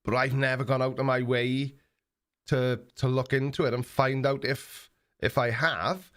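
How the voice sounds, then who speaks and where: Answering comments from his viewers, a live-stream host in his forties with an Australian accent chats in a relaxed, plain-spoken way, often using um. His mid-range voice keeps a measured pace.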